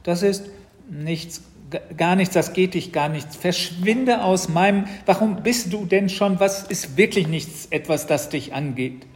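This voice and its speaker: A man's voice: a little high, very animated, brisk, warm tone, long reverb tail, voice pushed up. A man voicing a nervous, secretive schoolboy who stammers when caught out. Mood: flustered. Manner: stammering, a little raised.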